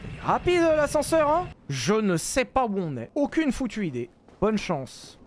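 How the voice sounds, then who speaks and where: A man commentating his own video game live, joking, swearing and talking to his chat in an excitable way. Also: sits high, normal speed, slight background noise. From France. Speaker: streamer playing a video game.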